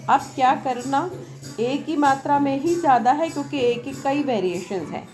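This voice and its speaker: A woman teaching an English lesson at a board in Hindi mixed with English. She speaks loudly over outside noise and keeps checking that the class follows along. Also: sits high, normal speed. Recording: loud music and noise from a nearby event behind her. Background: music from a nearby program.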